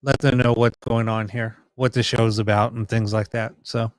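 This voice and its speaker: A man's voice: fairly low pitch, flat delivery, moderate pace, dry recording, rough recording. A man hosting a paranormal live stream, chatting casually and explaining things to viewers in a rambling, informal way. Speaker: host of a ghost box session live stream.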